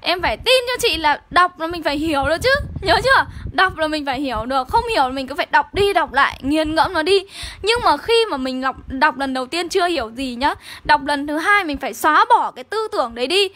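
A woman's voice: sits high, lively intonation, fairly quick, fairly bright tone, no echo. A young woman with a Northern Vietnamese accent teaching an online exam-review lesson, coaxing and keeping on checking in with her students. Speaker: literature teacher.

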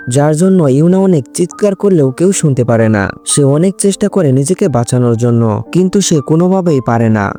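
Mellow-voiced man narrating a movie recap. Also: on the high side. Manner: conversational retelling with quoted dialogue. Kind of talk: storytelling movie explanation.

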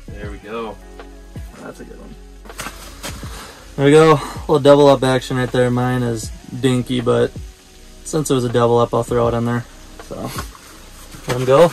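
A young man giving casual play-by-play while ice fishing, often murmuring quietly as he reels fish in, recorded inside an ice fishing shelter by a wide camera. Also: fairly even intonation, moderate pace, vocal fry, pauses often, faint music behind, low-quality recording. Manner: laid-back, often murmured low while reeling in fish. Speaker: fishing vlogger.

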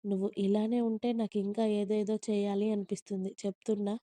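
A woman voicing a teasing, bossy young husband who scolds with care, in a gruff tone. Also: mid-range voice, level tone, a little fast, mellow, no room sound, close to an everyday voice.

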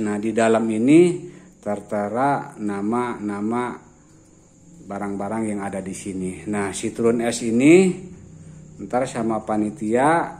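Slow, low-voiced man from Banten. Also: darkish tone. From Banten, Indonesia. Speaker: presenter of a prize giveaway. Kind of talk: casual video walkthrough of items. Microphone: handheld phone behind camera. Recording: noisy phone recording with room ambience.

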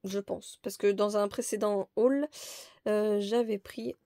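A woman's voice: medium pitch, steady tone, slow pace, dark tone, dry recording, clean studio sound. A woman presenting a crafting haul in a casual, hesitant, chatty way with many fillers. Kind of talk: casual show-and-tell haul.

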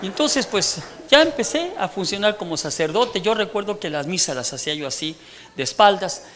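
Man in his 60s, Mexican accent, funny sermon testimony, somewhat high voice, teasing the congregation, church. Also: lively intonation, a little fast, a bit bright, slight background noise. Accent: Mexican Spanish. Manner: joking storyteller who teases the congregation. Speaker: preacher giving testimony.

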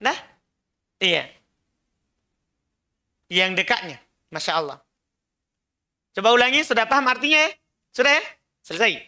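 A man's voice: high-pitched, animated, measured pace, pauses often, sharp tone. A man teaching an Arabic class, patiently drilling pronunciation and having students repeat after him. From Indonesia. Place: small prayer room classroom.

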